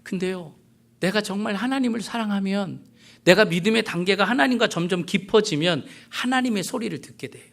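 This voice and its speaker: A middle-aged man preaching a sermon as pastor, earnest and conversational, with soft asides. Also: high-pitched, fairly quick, vocal fry.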